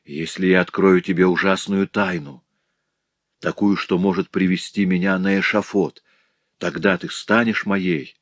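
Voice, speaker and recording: A man's voice: sits low, steady tone, unhurried, no room sound. A man playing a proud, lecherous old villainous notary in an audiobook, speaking with frenzied pride. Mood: urgent.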